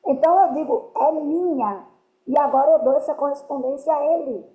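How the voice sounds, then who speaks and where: A woman's voice: high voice, fairly quick. A woman giving earnest spiritual teaching to a group, often checking that her listeners understand. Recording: roomy, dull lo-fi sound.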